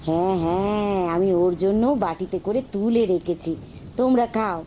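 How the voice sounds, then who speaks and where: A woman voicing a caring village mother in a cartoon, soft and fussing. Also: mid-range voice, normal speed, slight background noise, close to an everyday voice. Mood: tender. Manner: soft, fussing tenderness that flares into scolding. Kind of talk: cartoon voice acting.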